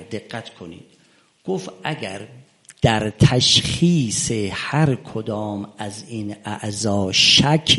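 A man preaching a sermon, retelling a debate in quoted dialogue and rising to emphatic, loud peaks. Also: medium pitch. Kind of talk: religious sermon storytelling.

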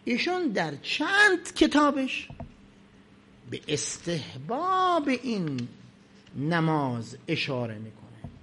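Lively, animated male religious lecturer. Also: high-pitched, slight background noise. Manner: reads Arabic legal texts aloud, then explains in colloquial Persian; rhetorical questions answered himself. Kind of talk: seminary-style lecture.

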